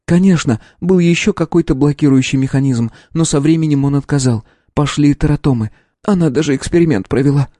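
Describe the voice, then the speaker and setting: A man voicing a young female lab scientist in an audiobook, earnest and measured as she explains. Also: fairly high pitch, dark tone, dry recording, clean studio sound, lightly acted. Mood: sorrowful.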